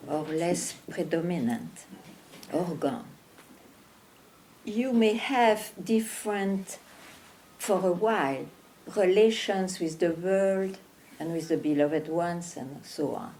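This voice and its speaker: A woman spiritual teacher speaking in a gentle, measured way at a satsang. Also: lowish voice, slight background noise. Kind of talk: satsang talk.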